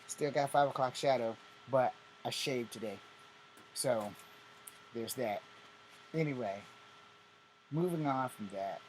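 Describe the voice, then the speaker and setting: A man's voice: medium pitch, low-quality recording. Man in his fifties, vlog host, blunt and profane, repeats himself, faint room noise. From Virginia, USA. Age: 50s. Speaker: vlogger host. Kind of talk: casual ranting vlog.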